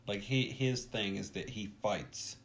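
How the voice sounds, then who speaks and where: A man's voice: fairly low pitch, a little slow, slight background noise. A man co-hosting a podcast, talking casually about a book and agreeing often. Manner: agreeable, lively, frequent back-channel affirmations. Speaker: podcast co-host.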